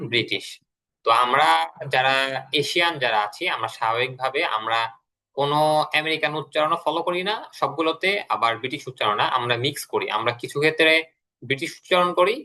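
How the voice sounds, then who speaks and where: Bright-voiced male teacher drilling words. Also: medium pitch, lively intonation, fast talker. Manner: explains step by step, repeats words for drills. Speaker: English teacher. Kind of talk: online class lesson.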